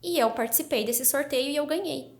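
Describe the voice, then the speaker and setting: A woman's voice: high voice, fairly quick. A woman guest on a podcast, telling her story animatedly in a casual interview. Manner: animated, excited narration.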